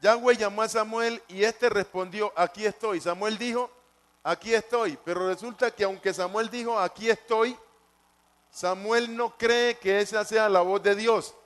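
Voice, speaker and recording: Male preacher, high voice, repetitive teaching sermon with questions to the flock. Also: steady tone, unhurried, fairly bright tone. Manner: repetitive, asks the congregation questions.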